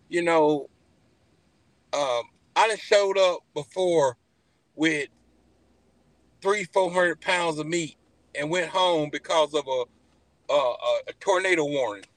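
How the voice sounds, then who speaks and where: A man with a Southern American accent and a high voice speaks in a casual, animated interview. He tells things in a folksy storyteller's way and repeats phrases to drive them home. The sound is close and dry. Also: no room sound, poor audio. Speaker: podcast guest, barbecue pitmaster.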